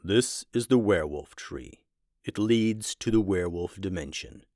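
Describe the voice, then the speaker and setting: A man doing a stern, low old wizard professor. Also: animated, normal speed, darkish tone, no room sound, clean studio sound. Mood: grave. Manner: grave and clipped.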